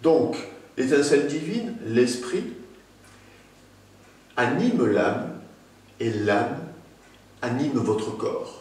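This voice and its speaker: A man's voice: medium pitch, expressive, darkish tone. Man teaching in a very echoey room. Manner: speaks with emphatic rises and pauses, addresses the listener directly. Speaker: spiritual teacher. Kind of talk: spoken talk on spirituality. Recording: very echoey room, mic at a distance.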